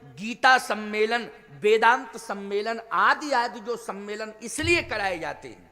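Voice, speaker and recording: Man preaching a sermon, high bright voice, slow delivery, loud then hushed, long hall reverb. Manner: emphatic, swings from loud declaiming to low asides; chants scripture verses slowly. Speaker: preacher of a Ram Katha discourse. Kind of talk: devotional sermon.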